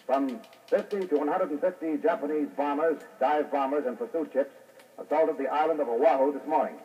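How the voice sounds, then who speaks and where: An actor playing an urgent male wire reporter who dictates news over the phone in brisk, clipped bursts, in 1940s radio acting on an old newsreel-style broadcast. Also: fairly high pitch, mellow, distant mic, soft background music, poor audio. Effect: old newsreel-style radio broadcast sound.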